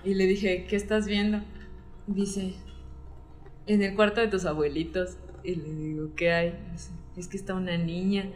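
A woman's voice: on the low side, unhurried. Mexican woman telling a story, roomy echo. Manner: animated storytelling, acting out quoted dialogue. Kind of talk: casual chat. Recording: roomy echo, faint music.

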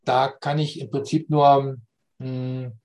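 Reflective man explaining ideas slowly. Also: mid-range voice, level tone, a little mellow, faint music behind. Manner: pondering, slow, often adds "ja?" to check understanding. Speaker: speaker on philosophy and spirituality.

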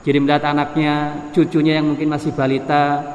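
A man with a Javanese accent giving a religious lesson. He chants Arabic text slowly and then explains it in relaxed, conversational speech. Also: a little high. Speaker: ustadz teaching a hadith book. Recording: echoey room, long reverb, faint noise.

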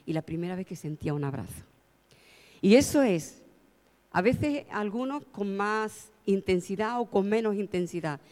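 A woman's voice: lowish voice, darkish tone. A woman from preaching a sermon, telling stories heartfelt and pressing her points with emphasis. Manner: heartfelt, storytelling, rising to emphatic. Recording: long hall reverb.

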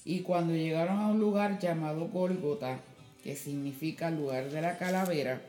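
A woman reading scripture aloud in a slow, measured way during a church service. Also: low voice, mellow, faint music behind. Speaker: scripture reader. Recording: echoey room.

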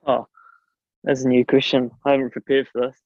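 A man's voice: mid-range voice, level tone, brisk, crowd noise. Slangy man with a broad Kiwi accent, dull audio. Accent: broad New Zealand. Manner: informal, slangy, earnest. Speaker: strength and conditioning coach, guest. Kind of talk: casual interview chat.

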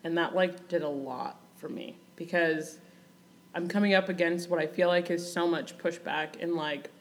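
A 21-year-old woman from Kenya, raised in Michigan, chatting as a podcast guest, full of fillers and quick laughs. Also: on the low side, steady tone. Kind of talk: casual podcast conversation.

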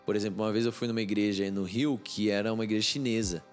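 A man's voice: on the low side, steady tone, very fast, faint music behind. A man with a Brazilian Portuguese accent, a church interpreter, talking in an easygoing, laid-back way, full of fillers. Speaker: church interpreter and ministry leader. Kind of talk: casual podcast conversation.

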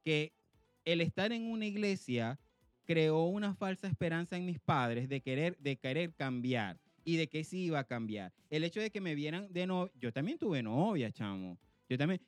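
Co-hosting a podcast, a man with a Venezuelan Spanish accent from Zulia tells a story in casual conversation, animated and laughing often. His pitch is fairly high, and there's no room sound.

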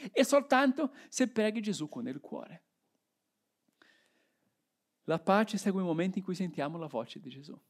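A man preaching a sermon. He reads Bible passages aloud and then explains them, asking reflective rhetorical questions. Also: high voice.

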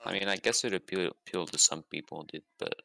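A man's voice: low voice, fast, creaky, sharp tone, no echo. A man co-hosting a casual chat, blunt and reluctant, giving short replies. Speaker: podcast co-host.

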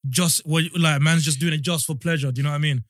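A man's voice: on the high side, steady tone, quick pace, no room sound, clean studio sound. A man in his mid-twenties with a London roadman accent, chatting casually in an emphatic, slangy way and repeating himself. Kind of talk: casual chat.

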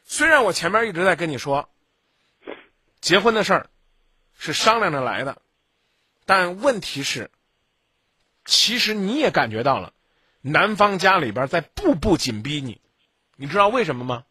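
Radio advice host, male, dry studio sound, lectures sharply, bright voice. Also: high voice, big pitch swings, moderate pace, pauses often, slightly rough, no room sound. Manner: blunt, lecturing, scolding. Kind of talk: late-night call-in advice.

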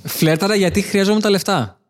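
A young man from Crete, a comedian and podcast guest, telling stories in a relaxed way and laughing easily. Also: high-pitched, heavy background noise. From Crete, Greece. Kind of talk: casual podcast chat.

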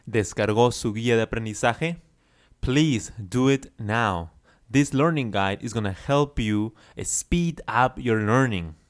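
Male Spanish coach, unhurried and crisp, patient and encouraging. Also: mid-range voice. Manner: slow, carefully enunciated teaching with encouraging praise. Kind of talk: language lesson with repeat-after-me drills.

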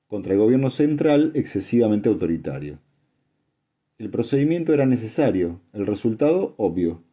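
Man reading as a calm, measured old sage. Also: fairly low pitch, breathy edge. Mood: calm formal. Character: calm, measured male sage in a recorded message.

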